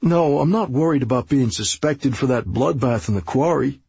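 A man voicing a nervous patrolman who frets over danger in quick, worried bursts. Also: medium pitch, expressive, creaky, a little mellow, slightly rough, dry recording, lo-fi sound, exaggerated voice. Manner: worried, hurried questions. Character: anxious male patrolman, rattled and nervous.

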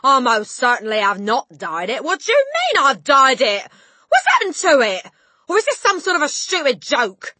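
Woman acting a blustering, panicky, yelling husband. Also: medium pitch, fairly even intonation, moderate pace, hardly any pauses, no echo. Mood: angry bluster. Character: blustering, panicky, indignant middle-aged father, a car salesman.

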